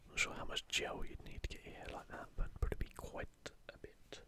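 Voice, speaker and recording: Soft, breathy whispering with no voicing comes from an ASMR host who drifts through relaxed, meandering remarks in a hushed tone.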